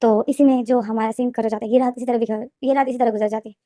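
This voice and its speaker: A woman retelling a fan fiction plot in a rapid, repetitive storytelling manner. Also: on the high side, fairly even intonation, warm tone, no room sound, studio quality. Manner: fast, repetitive storytelling with restarts. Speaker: story explainer.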